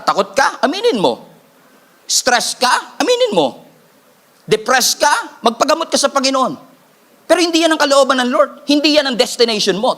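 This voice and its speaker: Bright, high-voiced male preacher. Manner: animated preaching with jokes and call-and-response; repeats key lines for emphasis. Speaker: pastor. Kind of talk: sermon.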